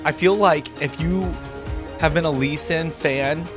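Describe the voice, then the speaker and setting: Music plays behind a man whose voice sits a little high as he hosts a YouTube reaction video at an unhurried pace. His commentary is casual, informal and enthusiastic, full of asides.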